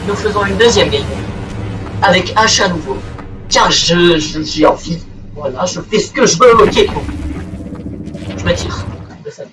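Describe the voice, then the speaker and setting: A young man giving crude, excitable commentary while he plays a game, swearing often. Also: sits high, measured pace, pauses often, distant mic, noisy background. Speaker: gaming video creator. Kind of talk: playing commentary. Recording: voice set back from the mic, game music behind.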